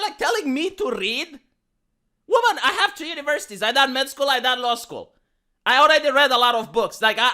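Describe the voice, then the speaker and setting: A man's voice: very high voice, bright, forceful tone. A YouTuber man ranting in sarcastic, indignant commentary, often repeating words as he gets worked up.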